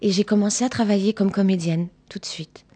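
A Canadian stage actress with a mid-range, dark voice talks fairly quickly as she answers children's questions after a show. She patiently explains theatre work to them, repeating words for emphasis.

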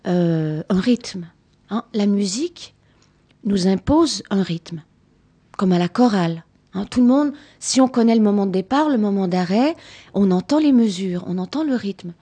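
Her voice mid-range, mellow, and slightly rough, a Canadian stage actress speaks expressively and unhurriedly while answering children's post-show questions. She explains theatre work with patience, repeating words for emphasis.

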